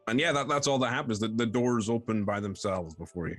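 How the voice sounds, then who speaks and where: Man as game master, hesitant scene narration, lively pitch, dry close sound, faint music under. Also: quick pace, no room sound. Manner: hesitant, many ums and restarts, descriptive.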